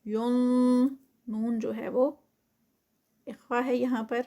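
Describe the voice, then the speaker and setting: Female tajweed teacher, fairly high voice, brisk explanations broken by slow, stretched recitation. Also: level tone, creaky, a little mellow. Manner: explains rules briskly, then recites words slowly and drawn out; mixes English terms into her explanations. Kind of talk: tajweed lesson explaining rules.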